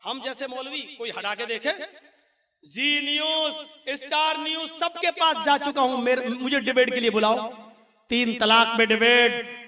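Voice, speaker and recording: A male preacher telling stories in a lively, animated way during a humorous religious talk. His voice is very high and bright. It echoes through a hall. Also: measured pace, recorded from a distance. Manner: animated storytelling. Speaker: Islamic preacher.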